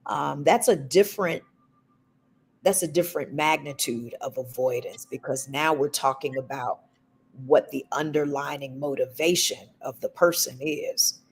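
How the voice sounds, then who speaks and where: A woman co-hosting a talk show, giving relationship advice in a slow, deliberate and emphatic way. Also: low-pitched, slightly rough. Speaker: podcast co-host.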